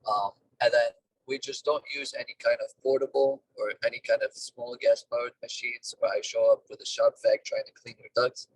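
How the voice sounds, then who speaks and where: A man talking over a car speakerphone while driving, a business owner giving plain, halting explanations in a casual interview. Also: mid-range voice, steady tone, husky. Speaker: duct cleaning business owner, guest. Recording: distant car speakerphone call.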